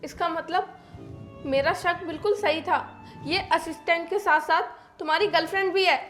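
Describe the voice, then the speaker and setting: A woman's voice: extremely high pitch, fairly even intonation, moderate pace, a bit bright, soft background music. An actress playing a wronged wife who confronts her cheating husband, firm and pleading in a short film drama. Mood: indignant. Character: wronged village wife, defiant.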